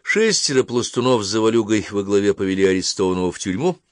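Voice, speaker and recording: A man reading a historical novel aloud as an audiobook narrator, with measured, dramatic storytelling. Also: lowish voice, animated, no echo, clean studio sound.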